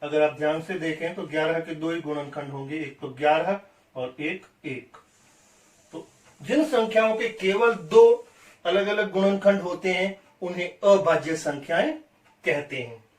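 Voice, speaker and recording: Male maths teacher, unhurried, patient repeats, roomy echo, mic at a distance. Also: fairly high pitch. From India. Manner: repeats definitions slowly, asks and answers own questions. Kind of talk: classroom maths lesson. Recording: echoey room, voice off-mic.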